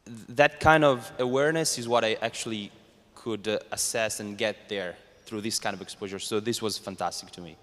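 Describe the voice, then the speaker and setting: A man's voice: lowish voice, a little fast, a bit bright. A man with an Italian accent, a native Italian speaker, answering as a startup founder on a panel, hesitantly searching for words. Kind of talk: informal spoken panel answer. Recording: reverberant hall.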